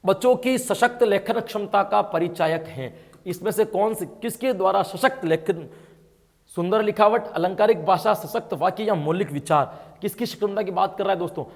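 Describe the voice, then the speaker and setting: Guy teaching an exam class, high-ish voice, keeps asking students questions, long reverb on it. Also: moderate pace. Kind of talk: exam-prep lesson.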